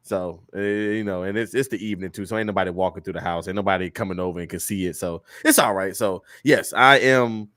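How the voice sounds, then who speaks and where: A man hosting a casual comedy podcast, telling stories with laughs and animated energy. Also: low-pitched, fast, few pauses, no room sound, studio quality. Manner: animated storyteller, laughs often, loud mock-preacher bursts. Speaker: podcast host.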